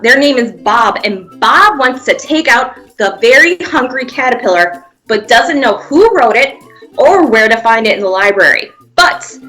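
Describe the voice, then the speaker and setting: On a low-quality recording, a museum presenter with a slightly high, sharp voice walks young children through a pretend-play activity. Her prompts are simple, encouraging and sequential, and she throws in playful sound effects.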